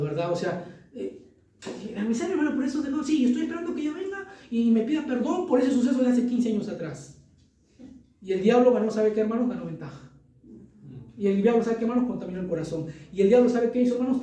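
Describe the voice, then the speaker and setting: A pastor delivers an animated sermon in a strikingly high, mellow voice, acting out the voices of a child and churchgoers. He sounds a little distant from the mic, and the church hall around him is very echoey.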